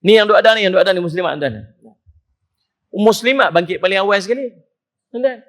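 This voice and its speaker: A man with a Penang Malay accent giving a humorous, animated mosque lecture, mimicking people as he preaches. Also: high-pitched, a little fast. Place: mosque hall.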